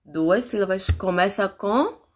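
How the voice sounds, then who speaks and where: A woman teacher leading a phonics lesson for young children, stretching out syllables and coaxing them to answer. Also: medium pitch. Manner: slow, drawn-out syllables, animated coaxing.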